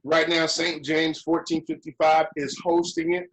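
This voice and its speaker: Relaxed male host, slightly higher voice, easygoing "copy that" call-and-response. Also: normal speed, gravelly, poor audio. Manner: relaxed, repeats "copy that" radio-style. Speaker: online lodge meeting host. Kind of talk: casual meeting chat.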